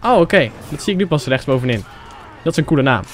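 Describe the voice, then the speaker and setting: Excitable young Dutch gamer, high lively voice. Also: male voice, quick pace. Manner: excitable, swears, shouts at the game. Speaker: gaming YouTuber. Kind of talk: casual let's-play commentary. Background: game music.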